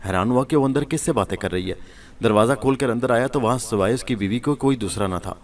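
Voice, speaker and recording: A man narrating a scripted horror story in a steady storytelling manner. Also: medium pitch.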